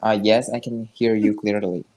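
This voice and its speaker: A young man from Vietnam speaking English with a Vietnamese accent, halting with many fillers and restarts as he vlogs his study progress. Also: fairly low pitch, little pitch movement, mellow. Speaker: English learner vlogging daily progress. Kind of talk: casual self-recorded vlog and video call lesson.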